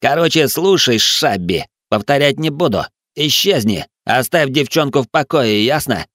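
A man's voice: mid-range voice, animated, normal speed, a bit bright, no room sound, studio quality, pitched above the performer's own voice, close to an everyday voice. A man voicing a hostile young thug who snarls threats. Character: aggressive young male thug, spitting hatred.

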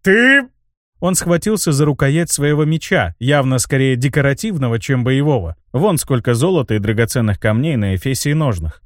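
A man narrating a first-person fantasy audiobook in a measured, wry storytelling manner. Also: mid-range voice, darkish tone, dry recording, clean studio sound.

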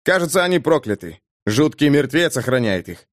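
A man's voice: mid-range voice, very animated, moderate pace, dry recording, studio quality, natural voice. A man reading an earnest, respectful warrior.

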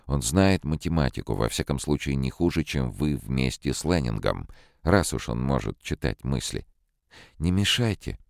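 A man voicing a sharp, mocking woman robot psychologist in an audiobook, his deep voice pushed higher. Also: animated, moderate pace, gravelly, no room sound, clean studio sound, exaggerated voice. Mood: scornful. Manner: mocking, cutting.

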